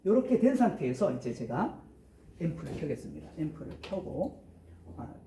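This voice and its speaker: In a big hall, a man teaches church sound, walking through mixer settings one step at a time and counting into a handheld mic run through the PA. The audio lecturer's voice is fairly high, sing-song and gravelly at a moderate pace, and this live hands-on workshop is captured from a distance with a roomy sound and background noise.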